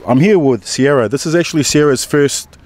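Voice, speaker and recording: A man interviewing players outdoors at a rugby pitch, asking questions in a friendly, informal way. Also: fairly quick, a little mellow, slight background noise. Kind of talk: on-location interviewing.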